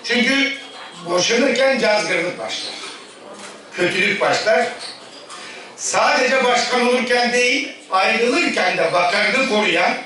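Middle-aged male politician at a podium mic, high-set voice, rhetorical delivery, boomy distant hall sound. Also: lively intonation, pushed and bright. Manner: rhetorical, addressing the crowd with pauses between phrases. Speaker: politician giving a congress speech. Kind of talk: formal political speech to a party congress. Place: large echoey congress hall. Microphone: speaking at a podium microphone. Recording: echoey hall, distant mic, audible room noise.

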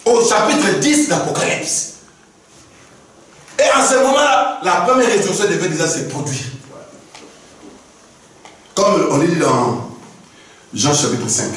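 A man's voice: high voice, a bit bright, very echoey. A man preaching a sermon, acting out dialogues in shifting voices, heard from a distance in a room with faint background noise.

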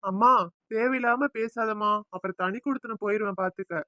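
A woman's voice: on the high side, a little fast, pushed and bright, no echo. A woman doing a firm young husband. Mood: warning. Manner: warning, insistent, affectionate to wife. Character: loving young husband, firm with his mother. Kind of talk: cartoon voice acting.

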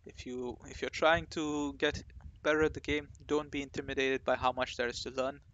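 A man's voice: mid-range voice, level tone, moderate pace, fairly bright tone, highs cut off. A man hosting a gaming channel who talks in a casual, rambling way, with lots of fillers and restarts. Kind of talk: casual rambling talk to camera.

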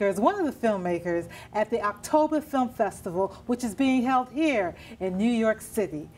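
A woman's voice: fairly high pitch, darkish tone. A middle-aged woman hosting a studio interview, with brief affirming interjections, recorded on a lapel mic in a TV studio. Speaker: talk show host.

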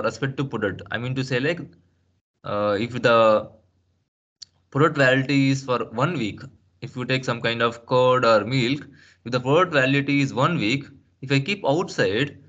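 A man talks through a screen-share tutorial at a middle pitch. He explains step by step, asks the listener questions and leans on "uh" and "I mean to say" as he restarts his sentences. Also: fairly bright tone, dull audio. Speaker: SAP trainer.

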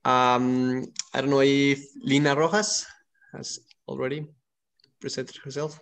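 A soft-spoken man from Mexico introduces himself as a biologist on a video call. He speaks hesitantly, with pauses. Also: mid-range voice, little pitch movement.

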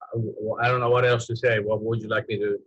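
A low, flat-voiced man in his fifties from Iran speaks haltingly on a video call, restarting his sentences again and again. The audio is dull and lo-fi, with a dry, close sound. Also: dry recording. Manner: hesitant, halting with many restarts and fillers. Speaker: photographer and photography teacher. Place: home room with dark curtain. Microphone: video call computer mic.

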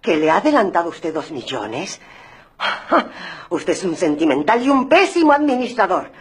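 A woman's voice: fairly low pitch, sing-song, moderate pace, husky, exaggerated voice. A haughty rich mother. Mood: imperious. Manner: bossy on the phone, then coquettish. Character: wealthy imperious mother, flirtatious on the phone. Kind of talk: 1990s TV comedy acting.

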